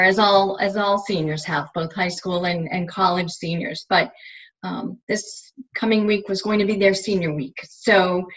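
A woman's voice: medium pitch, a bit bright. A woman in her forties speaking as a guest on a video call, encouraging the community to show support. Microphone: laptop webcam video call. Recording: slightly dull video call audio.

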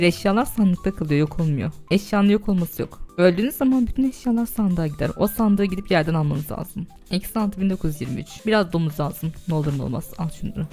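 A woman's voice: fairly low pitch, darkish tone. A young woman chatting casually while streaming a game live as server admin, talking to her chat with bursts of laughter and shrieks.

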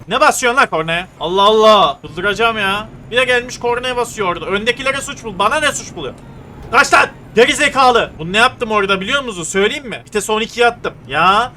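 Excitable high-voiced man ranting while driving. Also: a little hiss or hum. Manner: excitable, swears and rants at other drivers. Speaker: gaming streamer. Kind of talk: casual gameplay commentary.

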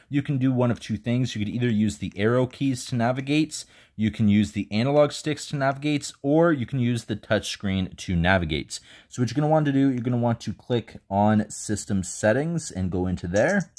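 A man hosting a casual tech tutorial, calmly walking viewers through each step while filming indoors on a handheld phone. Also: medium pitch, moderate pace. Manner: relaxed step-by-step instructions. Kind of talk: casual how-to walkthrough. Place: indoors, filming over a bed.

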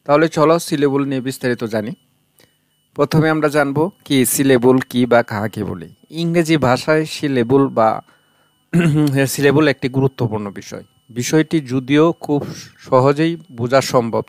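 A man with a Bangladeshi accent teaching an online English lesson, explaining slowly and repeating terms. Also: mid-range voice, dry recording. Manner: explains slowly, repeats terms in two languages, breaks words into syllables.

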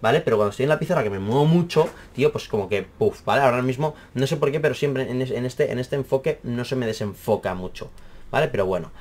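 A young man with a Spain Spanish accent, casually explaining a camera problem in an animated, exaggerated way, full of fillers and swearing. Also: medium pitch, fast. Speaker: math teacher and YouTuber. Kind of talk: casual rambling tech explainer.

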